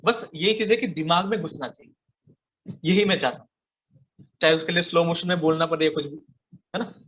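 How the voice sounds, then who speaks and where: A man's voice: fairly high pitch, fairly quick, fairly bright tone, highs cut off. Emphatic young man teaching. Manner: emphatic, repeats key lines, mixes in English slogans. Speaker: network marketing trainer. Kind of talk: live online training session.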